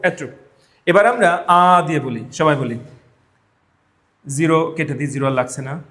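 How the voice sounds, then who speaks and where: Slightly slow, with a slightly high and somewhat bright voice, this Bangladeshi-accented man teaches a live spoken English class built around drills. He emphasizes points, repeats phrases, and checks that students follow. The indoor classroom gives an echoey sound.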